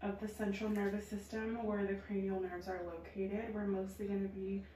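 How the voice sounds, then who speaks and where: A woman doing a soft-spoken ASMR role-play as a medical examiner, calm, reassuring and procedural. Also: medium pitch, normal speed. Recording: roomy echo, faint background noise.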